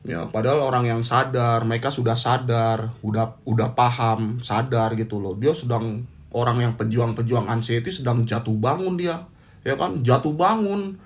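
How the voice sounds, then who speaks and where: A man at a middle pitch delivers a motivational talk. He is blunt and teasing, drops into casual slang, and drives points home by repeating them. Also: moderate pace. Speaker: host giving talks on anxiety. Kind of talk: motivational monologue.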